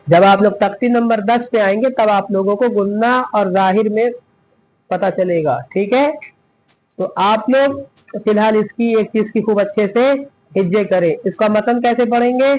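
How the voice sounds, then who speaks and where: Man, Quran reading teacher, high voice, spells letters slowly, quizzes himself. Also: darkish tone, rough recording. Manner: spells out letters slowly, then asks and answers his own questions. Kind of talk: step-by-step recitation lesson.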